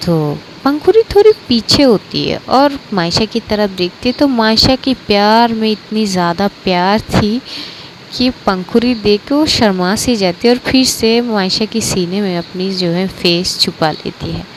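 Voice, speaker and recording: A woman's voice: mid-range voice, unhurried, slight background noise, rough recording. A woman narrating a romance story aloud in a loose, casual way, with many fillers and restarts.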